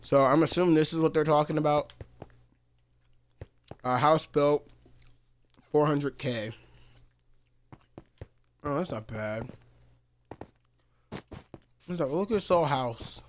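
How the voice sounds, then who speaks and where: A man's voice: on the high side, takes it slowly, pauses often. A man chatting loosely over his own gameplay on a live stream. He rambles from one thought to the next, mutters half to himself and breaks into laughter often. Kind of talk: casual live gameplay commentary.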